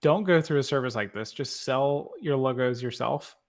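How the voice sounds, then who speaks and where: A man's voice: medium pitch, moderate pace. A man co-hosting a design podcast, chatting casually and speaking emphatically. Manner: opinionated, emphatic about pricing. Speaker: podcast co-host. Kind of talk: casual chat.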